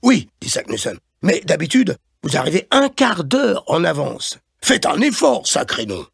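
A man's voice: a little high, very animated, vocal fry, breathy edge, dry recording, studio quality, pitched above the performer's own voice, exaggerated voice. A man voicing a fussy, blustering middle-aged office boss who scolds and keeps saying "hein" in an audiobook. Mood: bossy. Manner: chiding, repeats "hein", quick and emphatic.

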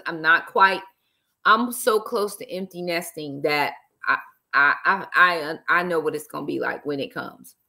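This middle-aged woman speaks with a fairly low, bright, forceful voice. An author and live-stream host, she sits in an armchair in a small room indoors, chatting casually to her laptop webcam with plenty of "y'all" and praise.

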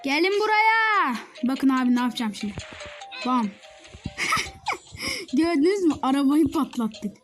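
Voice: high voice, big pitch swings, measured pace, long pauses, fairly bright tone, soft background music. A child recording playful game commentary, often shrieking and giggling at the action. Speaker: gaming video maker.

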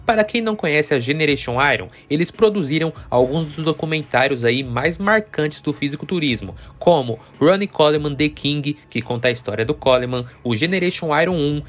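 A man's voice: on the high side, fairly bright tone. A Brazilian man hosting a bodybuilding news channel, narrating casually and speaking directly to his viewers. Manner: chatty, addresses viewers directly as friends.

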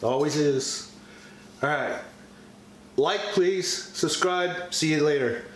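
A man's voice: fairly high pitch, slow, echoey room, slight background noise, poor audio. A man hosting a home baking vlog, chatting and humming as he eats, sometimes with his mouth full. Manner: eats on camera while talking, with mouth full, many appreciative hums; chatty and self-deprecating. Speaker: home baker, channel host. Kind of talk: casual cooking vlog sign-off.

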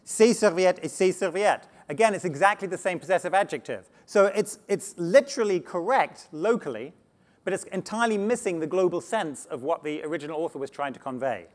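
A man giving a conference talk on slides, animated and often restarting words, speaking to a live audience. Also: a little high, a little fast. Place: conference stage before an audience.

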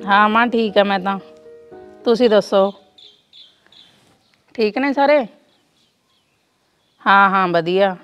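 A woman playing a young daughter-in-law who speaks softly and calmly, with a Punjabi village accent. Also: medium pitch, slow pace, long pauses, clean tone, highs cut off, faint music behind, lightly acted. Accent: Punjabi village speech. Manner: soft, placating, hushing others.

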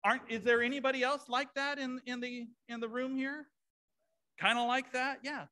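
A man's voice: very high-pitched, level tone, moderate pace, pushed and bright, clean tone. A male pastor preaching a sermon to his congregation in a conversational way, with asides to the room. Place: church sanctuary.

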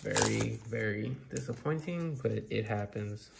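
Gravelly young man chatting, slangy and profane. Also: fairly low pitch, unhurried. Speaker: host of card pack opening video. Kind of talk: casual chat while opening card packs. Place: indoors at a tabletop. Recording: noisy room with card and wrapper crinkling.

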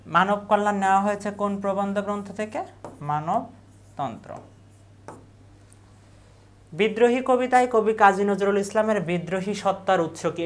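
Leading exam revision, a woman with a Bangladeshi Bengali accent poses questions and then slowly repeats each answer. Her voice is mid-range, with slight background noise behind it.

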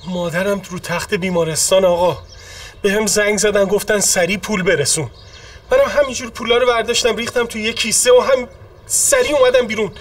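A man's voice: sits high, recorded from a distance. An actor playing an agitated man who pleads and bristles while claiming lost money. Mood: pleading.

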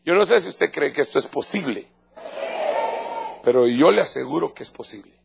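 A gravelly, fairly high-pitched voice belongs to a middle-aged Guatemalan-accented pastor preaching animatedly at a moderate pace, with a little hiss or hum in the audio. He delivers his evangelical sermon to the congregation with emphasis and a conversational tone, frequently repeating himself and starting phrases over.

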